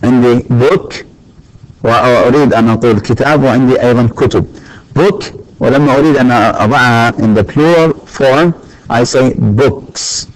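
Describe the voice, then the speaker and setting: Male teacher, deliberate recorded grammar lesson, halting with fillers, mid-pitched voice. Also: poor audio. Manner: slow and deliberate, with many fillers and repeated words. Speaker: English teacher. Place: lecture recording.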